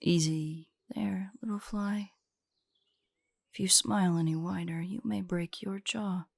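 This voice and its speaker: In an intimate audio roleplay, a woman plays an ancient, guarded female drider, speaking formally and haughtily in a measured, husky, breathy voice. Her tone is lowish with fairly even intonation, the mood stern yet conceding, and there is no echo.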